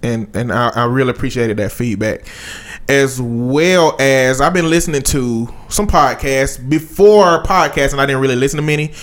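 Male podcast co-host, medium pitch, conversational, rambles along with halting phrasing. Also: fairly bright tone. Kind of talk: casual podcast chat.

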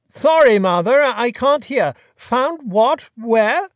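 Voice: medium pitch, big pitch swings, normal speed, no room sound, voice pushed up, lightly acted. Courteous upper-class gent, airy and clipped, storybook reading, dry sound, narrator-voiced. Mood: flustered. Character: genial aristocratic gentleman sleuth, light and courteous.

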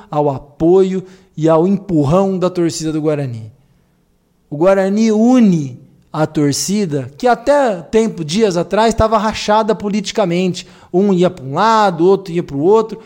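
A man's voice: fairly high pitch, darkish tone. A Brazilian man hosting a football fan podcast, speaking directly and rousingly to fellow supporters. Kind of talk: rousing podcast sign-off monologue to fellow fans.

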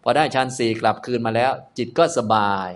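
A man giving a Buddhist scripture lecture as a dharma teacher, telling the story casually with frequent soft particles. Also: medium pitch, a little fast, clear, resonant tone.

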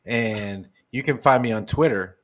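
Podcast co-host guy, chill and steady, mid voice, talks through his thoughts. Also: mid-range voice, unhurried. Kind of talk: casual podcast banter.

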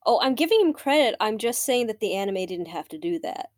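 A woman's voice: mid-range voice, sing-song, a little fast, no room sound. A woman co-hosting a podcast, recapping an anime in casual chat, wry and teasing, slipping into mock character voices. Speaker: podcast co-host.

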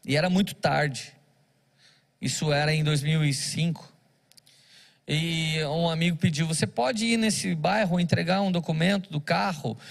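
A man's voice: fairly high pitch, a little slow, vocal fry. A man, a pastor, preaching a sermon, telling stories and acting out the dialogue. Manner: storytelling with acted-out dialogue.

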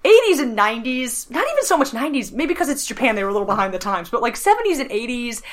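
A woman in casual chat about a film, animated, laughing and swearing. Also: on the high side, fast.

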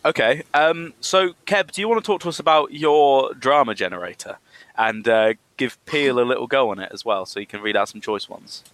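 A man hosting a podcast, relaxed and steering the casual chat. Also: medium pitch, moderate pace, dry recording. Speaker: podcast host.

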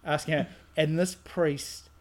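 A man's voice: on the high side, steady tone, a little slow, slight background noise. A man co-hosting a podcast, chatting casually about a bad movie, rambling animatedly with frequent restarts. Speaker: podcast co-host. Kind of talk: casual movie review chat.

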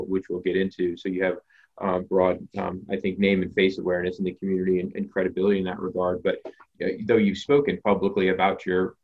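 A man hosting an interview, asking thoughtful questions with some hesitation and fillers. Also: low-pitched. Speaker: podcast host. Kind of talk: interview conversation. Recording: slightly dull lo-fi sound.

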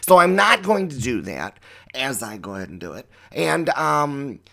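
A man's voice: medium pitch, big pitch swings, normal speed, gravelly, sharp tone. A middle-aged man hosting a podcast as a drag queen, giving a rambling, tangential, profane monologue. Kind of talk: opinionated monologue.

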